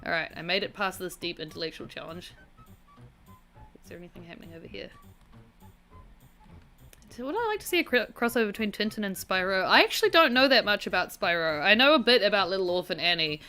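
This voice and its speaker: Bright-voiced woman with broad Kiwi accent. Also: medium pitch, big pitch swings, fast, pauses often, soft background music. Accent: broad rural New Zealand. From rural New Zealand. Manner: self-deprecating, sweary, rambling banter. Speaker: gaming video host. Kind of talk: casual gameplay commentary.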